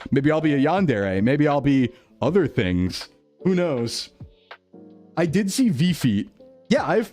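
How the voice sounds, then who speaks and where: A male VTuber chats casually with his stream viewers, playful and jokey and laughing often. His mid-range voice is a little mellow, heard through livestream headset mic audio.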